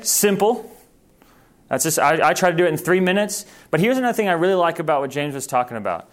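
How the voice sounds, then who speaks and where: A man who grew up in Thailand, giving an earnest, informal training talk to missionaries and correcting himself as he goes. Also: on the high side.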